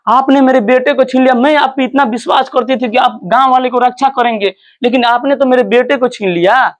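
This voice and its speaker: A grieving village mother from a storybook lesson, wailing and pleading in a high voice, as a man teacher reads her part. Her lines come out loud and raw with grief. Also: fairly even intonation, brisk. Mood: bitter grief.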